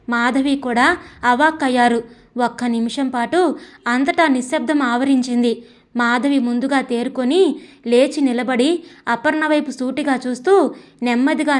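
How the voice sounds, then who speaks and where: A woman storyteller with a high voice reads the narration expressively. Her delivery is dramatic and scripted.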